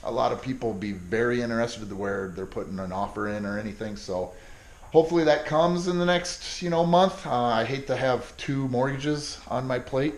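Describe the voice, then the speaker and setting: A man's voice: medium pitch, normal speed. A man with a mid-range voice talks casually to the camera, rambling from one point to the next and swearing freely when irritated. His voice bounces around an echoey room. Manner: rambling, profane, easily irritated. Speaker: car vlogger. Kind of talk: casual vlog chat.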